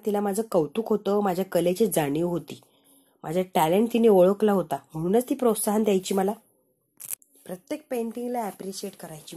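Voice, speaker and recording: Mellow husky woman recapping a serial. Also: medium pitch. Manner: sarcastic, mocking asides. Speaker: serial episode reviewer. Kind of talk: dramatic recap with acted-out quotes.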